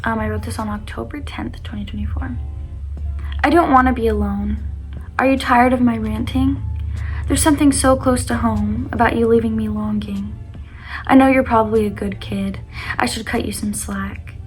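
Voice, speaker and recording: A young woman with a fairly high voice shares personal poetry in a confessional vlog style. Her delivery is earnest and exposed, a little self-conscious, moving between reading and casual asides. Music plays behind her. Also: fairly even intonation, moderate pace. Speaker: vlogger reading their own poetry.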